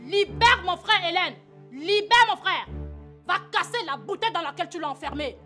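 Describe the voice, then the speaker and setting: A defiant, bitter sister-in-law. Her high voice leaps around in pitch as she hurls accusations, over faint music. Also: animated, moderate pace, sharp tone, full character voice. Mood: accusing. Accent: Cameroonian French. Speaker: husband's sister.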